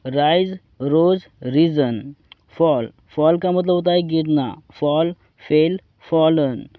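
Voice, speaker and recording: A man with an Indian accent teaches English verbs, repeating each form in a slow, measured drill. His voice sits a little high, and it comes through a thin, phone-like recording with no room echo. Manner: slow drilling recitation, addresses viewers as friends. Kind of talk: vocabulary lesson, reciting verb forms.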